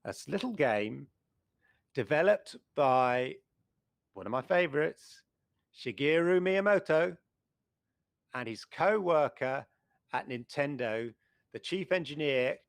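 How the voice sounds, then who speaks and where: A man's voice: fairly high pitch, animated, takes it slowly, creaky, long pauses, dry recording. A middle-aged man co-hosting a retro gaming show, chatting with enthusiasm and rambling through restarts. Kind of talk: casual chat.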